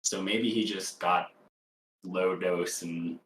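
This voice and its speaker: A man's voice: sits low, fairly even intonation, slow, fairly bright tone, slight background noise. A laid-back man co-hosting a casual podcast with dry humor. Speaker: podcast co-host. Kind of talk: casual chat. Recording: roomy echo.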